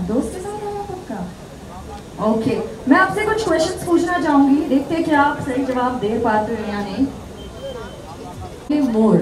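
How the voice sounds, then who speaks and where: A female host hyping an audience at a live mall show, playful and chatty. Her voice sits high. She is heard from some distance in an echoey space full of crowd noise. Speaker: event emcee. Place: mall event venue with crowd.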